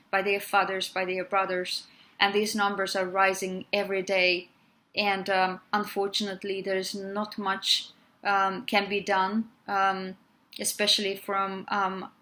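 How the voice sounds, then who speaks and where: Flat-toned woman. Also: medium pitch. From Azerbaijan. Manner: hesitant, many ums, earnest. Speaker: exiled journalist. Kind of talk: interview statement.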